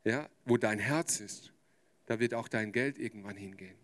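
A man's voice: on the low side, normal speed. A man preaching a sermon as pastor, speaking directly and emphatically to his listeners and acting out short quoted asides.

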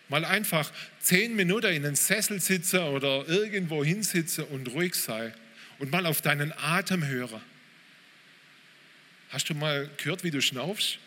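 Man, pastor's sermon, bright forceful voice, slightly high, long hall reverb. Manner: informal, direct, addresses listeners with hey. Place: church hall. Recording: reverberant hall, faint room noise.

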